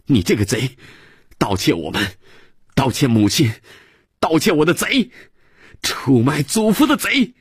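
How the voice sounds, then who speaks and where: A man voicing a young boy who shouts and sobs at his drunken father, his voice pushed high and strained. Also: expressive, measured pace, pauses often, breathy edge, dry recording, clean studio sound, full character voice. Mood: furious. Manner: shrill, shouting and tearful.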